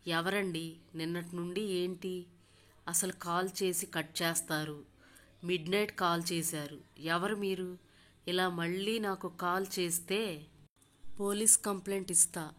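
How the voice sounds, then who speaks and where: A woman's voice: on the low side, fairly even intonation, unhurried, a bit bright. A woman reading a blunt young woman. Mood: irritated. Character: young woman office worker, sharp-tongued.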